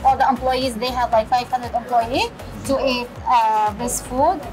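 A woman with a Syrian accent speaks in a high, clear voice. Her English is halting and full of pauses. She is being interviewed in a small restaurant kitchen, and music plays clearly behind her. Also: rough recording. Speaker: restaurant chef and owner. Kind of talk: interview answers. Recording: background music.

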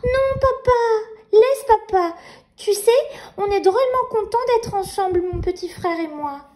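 A woman's voice: extremely high pitch, animated, measured pace, darkish tone, voice pushed up. A woman voicing a feisty, cheeky little girl and proud big sister in a children's storybook, childlike and exclamatory. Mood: excited. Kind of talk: children's storybook read aloud.

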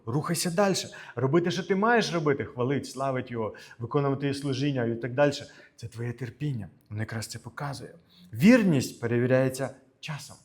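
Pastor guy preaching, mid pitched voice, gets loud then drops real quiet, keeps asking the church questions. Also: husky. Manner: swings between loud emphatic lines and quiet, low asides; asks the congregation rhetorical questions. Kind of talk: sermon. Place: church in Canada.

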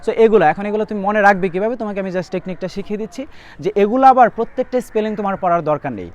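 A man's voice: high voice, darkish tone. A young man teaching spelling tricks for an admission test, talking straight to students and spelling out words letter by letter. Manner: rapid explanatory talk, spells words letter by letter. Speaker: admission test English tutor. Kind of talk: spoken lesson to students.

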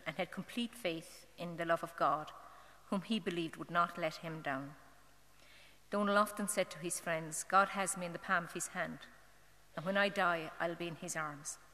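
A middle-aged Irish woman giving a personal testimony as a mother at a parish novena, earnest and halting, with fillers and restarts. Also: fairly low pitch, a bit bright. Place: church. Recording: long church hall reverb.

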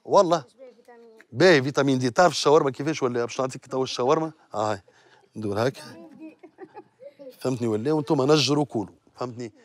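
A man's voice: mid-range voice, rapid-fire, pauses often. A man with a Tunisian accent, hosting a TV show outdoors and bantering playfully with a street crowd. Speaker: TV show host.

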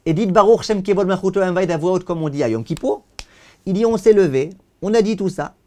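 A man, a rabbi giving a lesson over a video call. He declaims passages loudly, then translates them more calmly, and often repeats words as he searches for them. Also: high-pitched, quick pace. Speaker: rabbi teaching.

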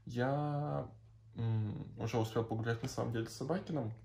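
A man's voice: medium pitch, fairly even intonation, normal speed, gravelly, warm tone. A young man chatting casually and slangily in a rambling video diary. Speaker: vlogger. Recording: faint background noise with clicks.

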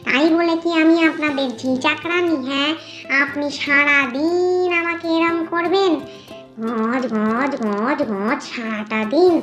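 A woman voicing a sharp-tongued, fed-up female ghost servant in a cartoon story, grumbling and scolding in rustic speech. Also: high-pitched, expressive, a little slow, faint music behind. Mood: defiant.

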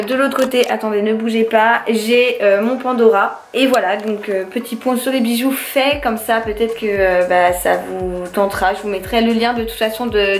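A chatty young woman in her twenties rambles casually to camera, full of fillers and restarts. Her voice sits a little high. The room around her rings with echo. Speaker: vlogger. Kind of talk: casual vlog chat to camera. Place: her home, indoors.

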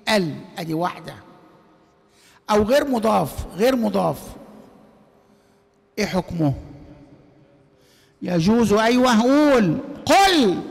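A man's voice: sits high, vocal fry. A man teaching grammar in an Egyptian accent, quizzing his class and leaving sentences open for students to finish. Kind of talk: classroom lecture. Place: large mosque hall. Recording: reverberant hall.

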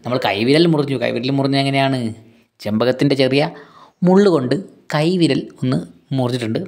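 A man explains a children's poem in a relaxed lesson, at an ordinary mid pitch. He is patient, repeats points and poses simple questions before answering them himself. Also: brisk. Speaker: teacher.

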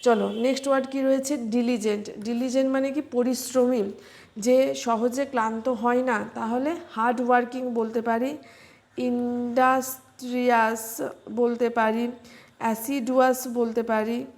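A woman teaching English vocabulary for exams in an online lesson, spelling words out letter by letter and pausing with "ah". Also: on the high side, level tone, darkish tone. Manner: slow, spells words letter by letter, fills pauses with "ah".

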